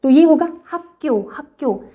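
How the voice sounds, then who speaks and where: With a high, mellow, animated voice, a young woman gives a language lesson, explaining every point patiently. She repeats example words slowly and keeps checking on her viewers with "right?" and "okay?".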